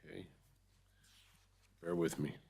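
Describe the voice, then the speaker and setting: A man with a low voice chairs a public meeting. He reads out formal procedure and drops into informal asides as he calls on people. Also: fairly even intonation, slow pace, creaky, warm tone, breathy edge. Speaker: board chair.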